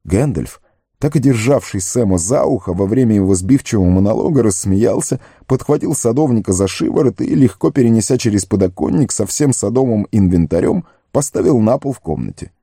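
A man narrates an audiobook in an expressive, storytelling way. His voice is low, gravelly and very dark, with a lively range. The recording is dry and close. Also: a little fast, no room sound. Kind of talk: scripted narration.

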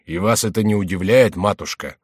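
A man's voice: on the low side, a little fast, slightly rough, dry recording, studio quality. A man doing a ranting, wounded king. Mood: reproachful. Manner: wailing and ranting. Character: distraught, hot-tempered male king.

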